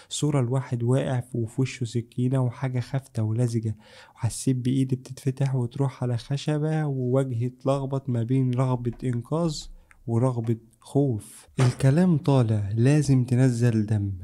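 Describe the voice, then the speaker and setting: Very dark-voiced male horror narrator. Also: mid-range voice. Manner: tense, suspenseful storytelling. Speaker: horror storyteller. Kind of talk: scripted first-person horror narration.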